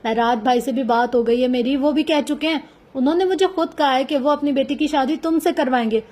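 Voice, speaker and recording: A woman voicing an impatient middle-aged father who speaks loudly and urgently, in a novel reading. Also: sits high, natural voice. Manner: fast, loud and urgent.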